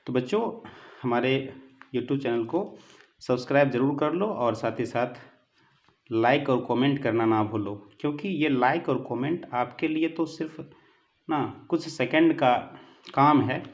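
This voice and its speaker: A man's voice: mid-range voice, unhurried. Male teacher, earnest fatherly lecture, mixes in English words, muffled lo-fi sound. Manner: earnest, fatherly, keeps addressing students as children. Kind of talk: online lecture with a moral talk.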